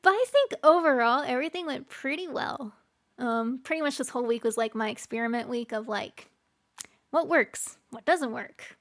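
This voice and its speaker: Speaking at a moderate pace in a high voice, this streamer chats casually with viewers. She's giggly, laughing often between lines, and her sentences trail off with fillers.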